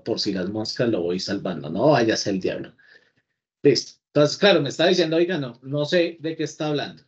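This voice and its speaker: A male teacher walks through code live, talking casually to his software like a person. His voice sits at a middle pitch. The recording has a slightly dull, lo-fi sound. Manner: chatty, talks to the computer as if to a person. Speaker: programming teacher. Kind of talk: live coding class.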